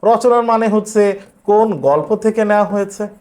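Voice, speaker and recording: High-voiced man teaching exam prep. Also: darkish tone. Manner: explains step by step, repeats words slowly for pronunciation.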